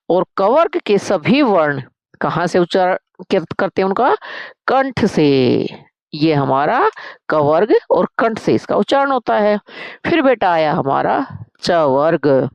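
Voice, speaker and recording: Lady teaching grammar, low gravelly voice, asks her own questions, calls students beta. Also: dry recording, dull audio. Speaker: Sanskrit teacher.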